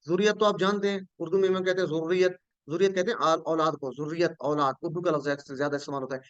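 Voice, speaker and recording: A man's voice: a little high, steady tone, very fast, clear, resonant tone, no echo, highs cut off. A man teaching a Quranic Arabic lesson, patiently repeating each word and quizzing his students.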